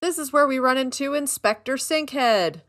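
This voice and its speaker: A woman co-hosting a podcast, recapping an episode in casual chat, animated and giggly with sarcastic asides. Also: sits high, moderate pace. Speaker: podcast co-host.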